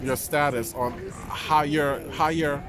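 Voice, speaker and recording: A man's voice: fairly high pitch, steady tone, slow, crowd noise. A man with a New York accent giving reflective, conversational answers in a casual street interview. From New York, United States. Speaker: interviewee, dancer and actor. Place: outdoors in a city park. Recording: outdoor city noise, passing traffic.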